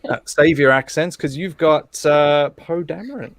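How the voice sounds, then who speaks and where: A man's voice: fairly high pitch, measured pace, a little hiss or hum. A man hosting an online table read over a video call, chatty and easygoing and laughing often. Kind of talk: casual video-call chat.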